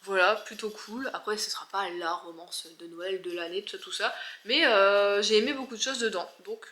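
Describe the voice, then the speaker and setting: A woman's voice: medium pitch, normal speed. A young woman from northern France with a northern French accent, chatting casually in a book vlog with lots of fillers. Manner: chatty, animated, many fillers. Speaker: book vlogger.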